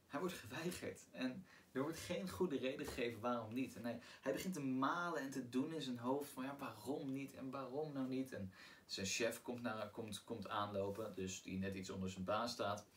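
A man hosting a book podcast, casually retelling a novel's plot in a halting way, often repeating words and restarting. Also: mid-range voice, a bit bright. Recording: distant mic, faint background noise.

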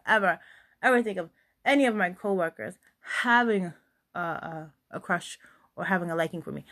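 Woman, young adult, chef, casual chatty storytelling, animated quoting. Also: lowish voice. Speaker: podcast host and chef.

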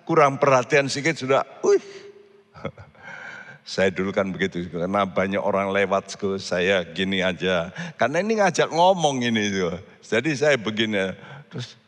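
A man delivers a sermon at an unhurried, deliberate pace, his voice sitting low. He speaks earnestly and keeps turning to the congregation. The sound carries the long echo of a big church hall. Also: fairly bright tone. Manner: earnest preaching, addresses the congregation often. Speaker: pastor.

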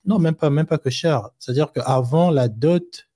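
On a live discussion show, a male co-host speaks at a measured pace in a slightly high, mellow voice with no echo. His talk is rambling and loose, peppered with fillers and restarts and illustrated with everyday examples.

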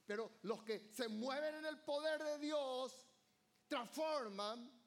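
A man's voice: extremely high pitch, takes it slowly. A male pastor, preaching a fervent evening sermon in church and calling on the congregation to answer him. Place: church service.

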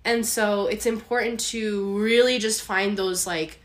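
A woman's voice: mid-range voice, fairly even intonation, a little slow. A young woman co-hosting a podcast, talking casually with many fillers. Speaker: podcast co-host. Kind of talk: casual chat.

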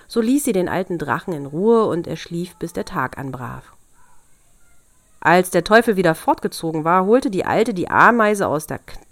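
A woman narrating a fairy tale in a calm, measured storytelling manner. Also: fairly low pitch.

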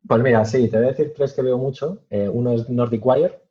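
A man answering interview questions casually, with many fillers and pauses. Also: mid-range voice, steady tone, slightly rough, highs cut off. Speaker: podcast guest.

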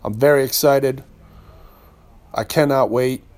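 A man's voice: mid-range voice, measured pace, darkish tone. A man hosting a solo podcast from home, talking in a rambling, chatty way full of asides. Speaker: podcast host. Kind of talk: solo casual podcast monologue. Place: home room. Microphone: podcast microphone.

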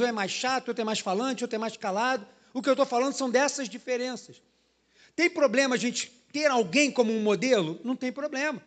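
A man, a pastor giving a sermon in a church in a loose, conversational way, often tagging his sentences with "né?". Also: extremely high pitch. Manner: conversational preaching, frequent "né?" tag questions. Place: church hall.

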